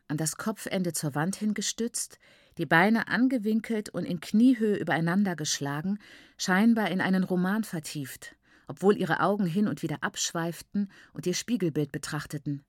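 A woman narrating a literary novel in the first person, in a measured, reflective way. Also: on the low side, no echo, studio quality. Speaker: audiobook narrator.

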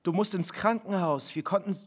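A woman's voice: medium pitch, normal speed, breathy edge, voice pushed up, natural voice. A man reading the part of a shocked, anxious mother who fires off urgent, disbelieving questions in a raised voice. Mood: alarmed, disbelieving. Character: shocked anxious mother, middle-aged woman.

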